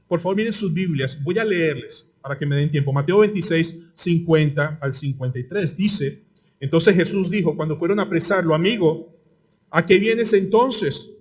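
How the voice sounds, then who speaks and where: Impassioned Colombian pastor preaching. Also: male voice, on the high side, normal speed, husky. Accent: Colombian Spanish. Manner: impassioned preaching, rhetorical questions, swings from loud to quiet. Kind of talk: sermon.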